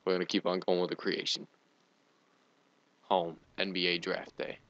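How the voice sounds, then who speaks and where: A man's voice: low-pitched, monotone, normal speed, a bit bright, dull audio. A young man giving casual let's play commentary on a video game. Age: young adult. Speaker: gaming video host.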